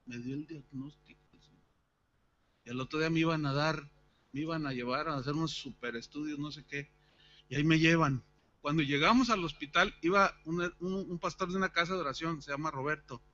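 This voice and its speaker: A man's voice: fairly high pitch, brisk, muffled recording, a little hiss or hum. A man preaching at a church service, telling a personal story and acting out its dialogue. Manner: animated, acts out the dialogue of his story. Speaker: pastor.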